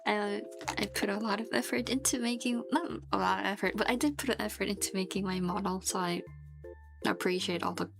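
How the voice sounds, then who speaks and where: A vtuber streamer who is sick with a fever and has a dry throat rambles through casual live stream chat in a gravelly, medium-pitched voice, talking a little fast. She keeps restarting her sentences and laughs often, with background music under her voice.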